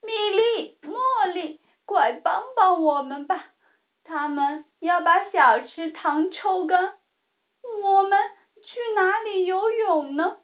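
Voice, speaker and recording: A woman voicing a group of frogs loudly begging for help in a children's storybook, over a tinny phone-like line. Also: very high voice, slow, voice pushed up. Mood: distressed. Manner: loud, pleading. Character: panicking pond frogs, loud and tearful. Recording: tinny phone-like home recording.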